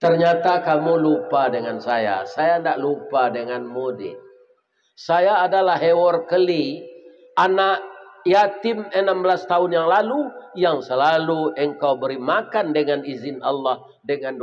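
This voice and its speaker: A kind young male doctor, put on by a preacher with a Minangkabau accent, speaks softly and tenderly to comfort someone. The voice sits a little high, and the recording is slightly dull and lo-fi. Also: measured pace, long reverb tail, distant mic, lightly acted.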